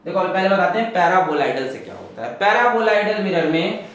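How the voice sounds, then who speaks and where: A man teaching a physics lecture, lively and full of rhetorical questions, mixing English terms into his explanation. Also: high-pitched, a little fast. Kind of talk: classroom lecture. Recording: echoey classroom from far off.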